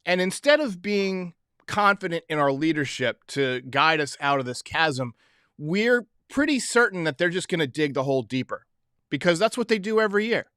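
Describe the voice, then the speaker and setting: A man's voice: on the high side, lively intonation, moderate pace, pushed and bright, no room sound, clean studio sound. A man hosting a sports podcast, giving emphatic, opinionated commentary in a casual way, talking straight to listeners.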